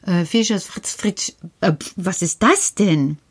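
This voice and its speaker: A woman presenting a children's show, chatting with a puppet figure and musing aloud slowly. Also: mid-range voice, slightly rough. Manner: slow, musing, wondering aloud.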